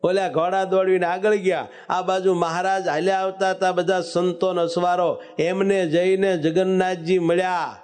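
A man's voice: sits high, little pitch movement, normal speed, few pauses, darkish tone, faint music behind. A man preaching a devotional sermon, telling a story and breaking into sung verses. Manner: storytelling, bursts into sung verses, calls out lines.

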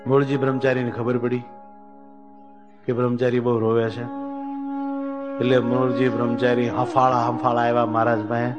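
A man telling a devotional story as a sermon, animated, raising his voice when he speaks for the characters. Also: a little fast, pauses often, over music. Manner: animated storytelling, voicing characters with raised pitch. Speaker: religious storyteller.

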